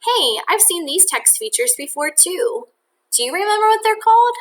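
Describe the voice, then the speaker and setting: Expressive and deliberate, a woman teacher reads a nonfiction book for kids aloud, weaving in think-aloud asides directed at them. Her voice is very high.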